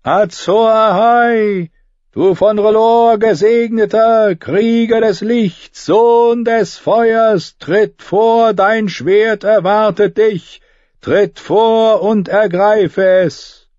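A man reading an audiobook, voicing a fervent female red priestess who declaims prophecies slowly and grandly. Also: sits high, a little mellow, dry recording, dull audio, voice pushed up. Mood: exalted prophecy. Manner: exalted, slow, declaiming.

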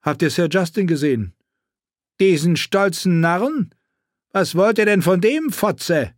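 A man's voice: sits high, lively intonation, a little slow, no room sound, studio quality, pitched above the performer's own voice. A man voicing a sneering, crude and arrogant male knight in an audiobook, taunting and contemptuous.

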